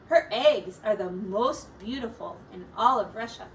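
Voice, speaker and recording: A woman teacher reads a picture book aloud to young children, telling the story in an expressive, deliberate way with a mid-range voice. The mic is distant, with faint background noise.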